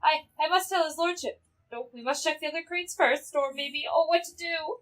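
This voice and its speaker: A woman's voice: a little high, expressive, fast, faint music behind, lightly acted. A woman putting on a frantic Irish gunsmith lass. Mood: panicked. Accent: Irish, put on. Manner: frantic, breathless worry. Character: panicky young female gunsmith, fretful.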